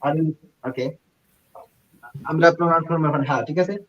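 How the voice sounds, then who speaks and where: A man's voice: fairly high pitch, fairly even intonation, normal speed. A man with a Sylheti accent teaching Quran recitation in a live online class, patiently drilling sounds and mixing in English. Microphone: video call. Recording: dull lo-fi video call audio.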